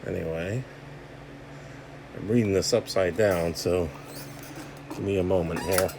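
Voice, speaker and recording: The voice is deep and steady in tone, moving at a measured pace amid background noise. It belongs to a radio repair video host who rambles informally and saltily while working hands-on with equipment.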